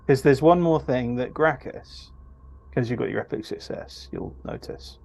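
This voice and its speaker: A man running a tabletop game as game master, describing scenes in a halting, word-searching way. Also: medium pitch, creaky, darkish tone.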